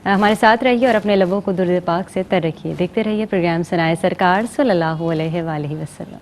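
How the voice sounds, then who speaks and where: A woman's voice: on the low side, a little hiss or hum. A woman hosting a religious TV program, speaking politely with formal, pious phrasing. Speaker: host. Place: TV studio.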